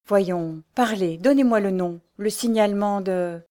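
A gentle aristocratic countess, middle-aged and troubled, read by a woman narrating a novel, speaks in a soft, hushed and measured way. Her tone is mellow and warm. She sounds kind but inwardly shaken. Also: mid-range voice, close to an everyday voice. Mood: reassuring. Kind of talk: audiobook character reading.

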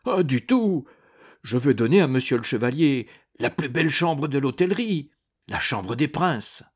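A man's voice: medium pitch, big pitch swings, moderate pace, slightly rough, voice pushed up. A man voicing a frightened innkeeper who fawns nervously over his guest. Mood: fawning. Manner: fawning, nervous. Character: frightened male innkeeper, fawning and eager to please.

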